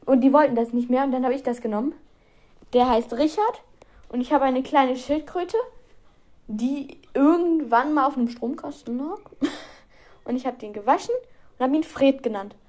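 A woman's voice: high voice, normal speed, long pauses, dark tone. A teenage girl hosting a casual solo podcast, rambling and self-mocking with giggly asides. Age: teens. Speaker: podcast host.

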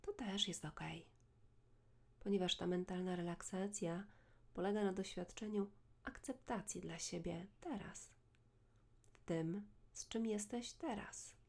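A woman leads a guided meditation in a soft, hushed, soothing voice close to the ear, measured, with long pauses. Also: medium pitch. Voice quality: soft, breathy.

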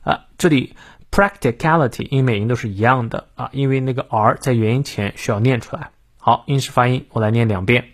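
A man giving a morning English lesson in Mandarin, explaining a quote phrase by phrase and reading the English lines slowly and carefully, with frequent fillers. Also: medium pitch. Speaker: English teacher.

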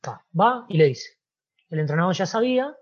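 A man with a Rioplatense Spanish accent, an interview guest who was a footballer, telling an animated story and acting out the dialogue. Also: high-pitched, normal speed, lo-fi sound. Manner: animated storyteller, acts out dialogue, frequent "¿viste?". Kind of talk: casual storytelling.

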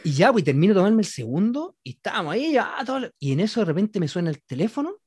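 With a high, breathy, darkish voice and big pitch swings, a fast-talking man with a Chilean accent spins a funny tale for friends in a group chat. The married adult uses slang, performs the quotes, and laughs a lot.

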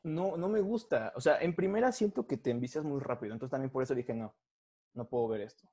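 Young Mexican co-host; mellow, dark voice, laid-back, slangy, opinionated. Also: male voice, medium pitch, fairly quick, slightly rough. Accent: Mexican Spanish. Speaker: podcast co-host. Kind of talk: casual podcast chat.

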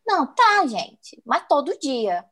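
A woman chats on a casual podcast, her fairly high voice rising and falling as she acts out her frustrations. She tells stories dramatically, with exasperated asides. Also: sing-song, slow pace, a bit bright. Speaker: podcast co-host. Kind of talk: casual chat.

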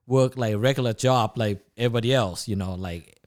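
This man, a chef from Thailand aged about fifty, speaks briskly at a medium pitch while chatting about himself on a podcast. His English has a Thai accent and non-native grammar, and the talk is casual and autobiographical.

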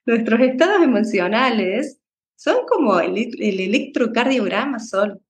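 A woman, a psychologist guest in a conversation, explaining in a calm, unhurried way. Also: fairly high pitch, roomy sound. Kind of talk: interview conversation.

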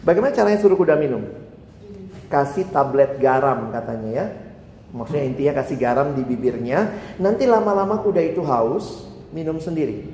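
High-voiced man preaching in an echoey hall. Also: lively intonation, a little fast, a little mellow, a little hiss or hum. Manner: conversational, asks the audience rhetorical questions; slips into casual slang and plays out mock dialogues. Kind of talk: sermon teaching on evangelism. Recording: roomy hall reverb with faint ambience.

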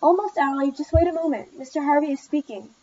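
A woman reading the part of a kind, busy female sign-language teacher, in a gentle, patient manner. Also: high-pitched, quick pace, dull audio, voice pushed up, natural voice.

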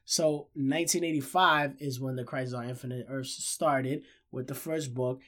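A man's voice: medium pitch, steady tone, moderate pace, fairly bright tone. A man in his thirties with a nasal, stuffed-up voice, a little short of breath, hosting a casual pop-culture podcast and leaning on repetition for emphasis. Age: 30s. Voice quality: nasal, congested. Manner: emphatic repetition, addresses listeners as guys. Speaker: podcast host.

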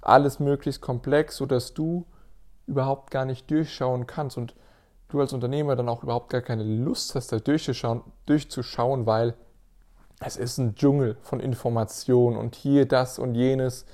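A man's voice: medium pitch, steady tone, normal speed, a little mellow. A man hosting his own podcast as a personal trainer and physiotherapist, talking earnestly and motivationally straight to the listener, often restarting his sentences. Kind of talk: casual solo podcast monologue.

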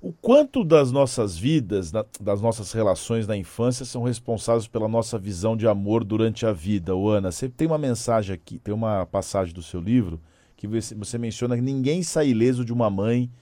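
Male interviewer, probing, mellow tone, dry close recording. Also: fairly low pitch, animated, brisk, no echo. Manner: probing, asks stacked questions. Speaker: interviewer host. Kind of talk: interview questions.

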